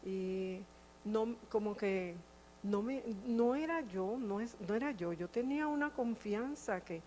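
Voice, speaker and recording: A woman's voice: mid-range voice, lively intonation, a little slow, darkish tone, a little hiss or hum, low-quality recording. A middle-aged woman with a Puerto Rican accent giving a personal testimony in church, hesitant and full of fillers. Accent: Puerto Rican Spanish.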